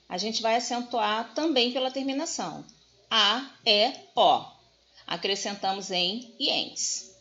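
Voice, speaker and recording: A woman's voice: fairly high pitch, pushed and bright, muffled recording. A woman teaching a grammar lesson, speaking directly to her students and stressing each example word.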